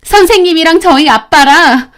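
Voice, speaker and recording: A woman's voice: very high-pitched, animated, moderate pace, fairly bright tone, pitched above the performer's own voice. A woman voicing an upset teenage girl student who confronts an adult in a raised, indignant voice.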